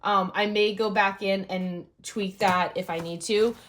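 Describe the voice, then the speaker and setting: A woman's voice: medium pitch, steady tone, a little slow. Bubbly woman counting cash. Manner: bubbly, upbeat, addresses viewers as y'all. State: has the hiccups. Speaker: budgeting vlogger. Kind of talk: casual chatty vlog while counting cash.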